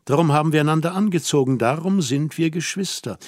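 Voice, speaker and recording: A man reading the part of a worldly, teasing young woman in an audiobook, gentle and lightly mocking. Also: a little high, fairly quick, no echo, studio quality, lightly acted.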